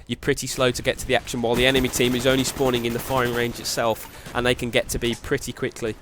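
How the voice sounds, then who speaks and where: Sounding nasal from a cold, a young man commentates on gameplay and offers tips, speaking quickly and evenly in a flat, mid-range voice with repeated "very, very". Background noise and faint in-game gunfire and explosions can be heard.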